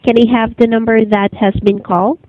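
A woman's voice: on the high side, level tone, fairly quick. Woman agent on a dull phone line. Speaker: directory call agent. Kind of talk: customer service phone call. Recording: slightly dull telephone line.

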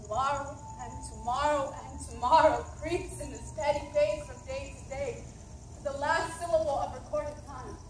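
A woman playing a proud, weary and defiant tyrant king, declaiming between shouts and murmurs in stage Shakespeare acting. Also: high voice, steady tone, normal speed, lightly acted. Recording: echoey stage from far off, faint noise.

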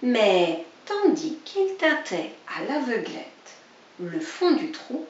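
A woman's voice: on the high side, sing-song, slow. A woman reading a children's story aloud, expressively, speaking directly to a child. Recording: dull, roomy, distant recording.

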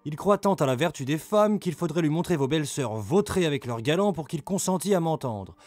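A man's voice: on the high side, animated, a little fast, dry recording, pitched above the performer's own voice. Man voicing a raging, blustering medieval lord. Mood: blunt. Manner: loud, coarse and vehement. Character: brawny furious medieval male lord, blustering.

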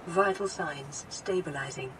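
A woman voicing a calm female suit computer assistant that gives gentle, even, clinical announcements over game music. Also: sits low, a little slow, noisy background.

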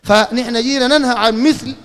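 Fast, high-pitched Sudanese preacher in a hall. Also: male voice, fairly even intonation. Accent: Sudanese Arabic. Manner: fiery, rhetorical questions, bursts of shouting. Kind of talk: impassioned religious lecture. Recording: long hall reverb.

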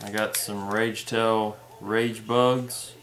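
A young man casually unboxing fishing tackle at a table indoors, unhurried, naming each item as he opens it. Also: lowish voice, level tone, a bit bright. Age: young adult. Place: indoor room at a table with plants. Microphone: camera in front at table distance.

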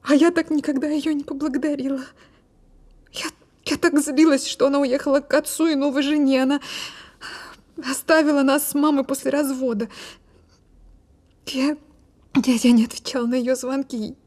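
Breathy, high-voiced distraught woman patient. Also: warm tone. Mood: remorseful, tearful. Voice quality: breathy, often dropping toward a whisper. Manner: slow, halting, repeating words. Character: distraught woman patient reliving childhood near-drowning, guilt-ridden. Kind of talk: audio drama acting.

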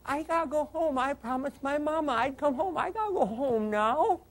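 A man's voice: extremely high pitch, expressive, moderate pace, pitched above the performer's own voice. A man voicing a badly injured young woman who pleads to go home in a little girl's voice. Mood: pleading. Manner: begging, childlike.

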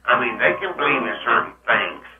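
A man's voice: mid-range voice, big pitch swings, a little fast, roomy sound, distant mic, over music. Man calling in on a tinny phone line. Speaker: caller. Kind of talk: rambling casual phone call.

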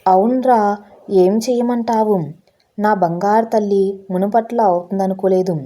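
A woman's voice: medium pitch, steady tone, unhurried, dark tone, natural voice. A woman voicing a grieving middle-aged mother who is anxious and tearful, in a pleading storytelling manner.

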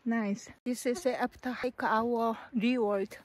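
A middle-aged woman vlogs on a forest hike, chatting casually with frequent exclamations and laughter and using simple non-native phrasing. Her fairly high voice is steady and slow, and it is recorded outdoors on a handheld phone.

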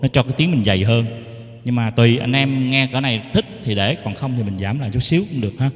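A man's voice: mid-range voice, fast, soft background music. Man demonstrating mic settings, echoey. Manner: explains settings, then tests the mic with sung syllables. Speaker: keyboard sound tutor. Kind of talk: casual how-to demonstration. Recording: echoey room with long reverb.

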